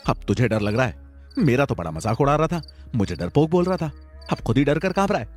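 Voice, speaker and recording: A man's voice: on the low side, brisk, faint music behind. A man voicing Arjun, a scared young village man who hides his fear behind teasing, talking to his friend in a Hindi audio story. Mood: jittery, teasing. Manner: tries to sound calm, teasing.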